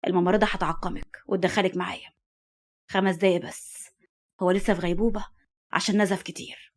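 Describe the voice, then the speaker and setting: A woman voicing a nervous middle-aged male doctor who speaks quietly and soothingly, with an Egyptian Arabic accent. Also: fairly low pitch, little pitch movement, fast talker, lightly acted. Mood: calm.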